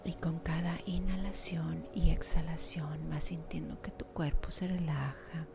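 A woman guiding a meditation in a soft, half-whispered, slow and soothing way. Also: deep voice, steady tone, vocal fry. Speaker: meditation guide. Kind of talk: guided meditation. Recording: music playing behind.

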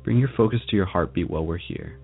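Male meditation guide: low, gravelly voice, soft and soothing, leaving long pauses, over music. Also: phone-quality sound. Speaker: meditation guide, show host.

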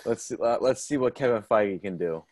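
A man with a low voice chimes in on a casual podcast with brief, easygoing comments. His replies are short and relaxed. The sound is dry, with no room echo. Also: brisk. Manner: laid-back, short reactions. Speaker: podcast co-host. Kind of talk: casual chat.

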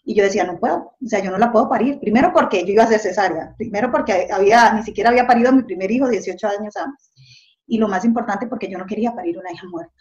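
Talking rapid-fire in a medium-pitched, darkish voice, a middle-aged woman earnestly shares her testimony and frequently ends her phrases with tag questions. Audio quality is dull and lo-fi.

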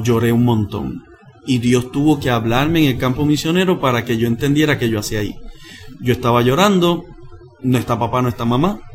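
A man, a missionary pastor who tells his story in a lively, dramatic way and slows down for the lines he quotes. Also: mid-range voice. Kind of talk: animated personal storytelling.

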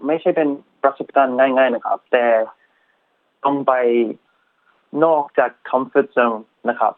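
A man with a mid-pitched voice and an English-speaking foreigner's accent gives casual interview answers. His Thai is non-native and broken, halting and polite, with simple grammar and English words dropped in. The sound is narrow, like a phone line. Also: fairly even intonation. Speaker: interview guest, YouTuber.

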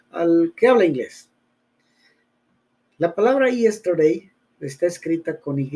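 A man's voice: fairly high pitch, dark tone. A man whose first language is Spanish, teaching a bilingual English lesson, drilling phrases patiently and spelling words letter by letter.

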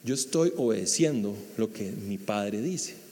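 A man voicing a calm, solemn male teacher who speaks low, slowly and quietly. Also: long reverb tail, close to an everyday voice.

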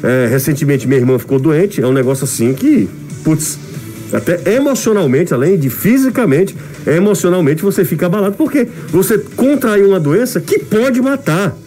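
A man's voice: high voice, lively intonation, moderate pace, dark tone. Muffled man through a face mask. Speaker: sports radio show host. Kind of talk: casual radio sports talk. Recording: studio mic muffled by mask, music bed.

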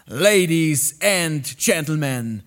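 A man announcing the host at the start of a show in a grand, drawn-out manner. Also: on the high side, lively intonation, a bit bright.

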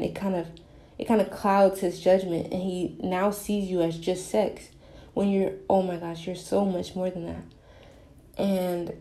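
A woman's voice: lowish voice, mellow. A young adult woman giving an earnest, rambling, casual confessional monologue, recorded in an echoey bathroom. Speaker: podcast host. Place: small bathroom, in the bathtub.

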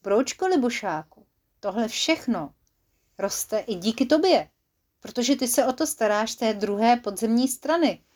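A woman voicing a curious, wandering female underground sprite in a children's story, speaking in a raised, excited voice. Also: a little high. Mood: amazed.

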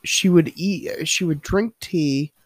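A man's voice: on the high side, takes it slowly, dry recording. A man with a New York accent hosting a casual podcast chat, laughing often and telling stories with animation. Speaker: podcast host.

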